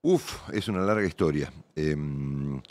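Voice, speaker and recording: A man's voice: very deep voice, slow pace, darkish tone, no room sound. A middle-aged Argentine man, a veteran radio journalist, talking casually and at length in an interview, full of tag questions. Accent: Argentine Spanish. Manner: colloquial, rambling, frequent tag questions.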